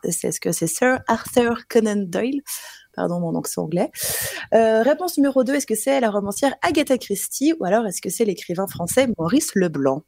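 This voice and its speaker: A young woman presenting a lively radio quiz, chatty and animated with frequent hesitations. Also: on the high side, no room sound, studio quality.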